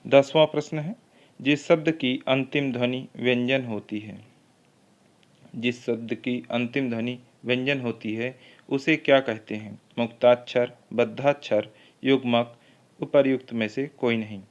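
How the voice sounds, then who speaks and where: A man's voice: medium pitch, steady tone, unhurried, muffled recording. A man teaching a Hindi literature exam-prep lecture, reading each question twice before going through the options and explaining the answer.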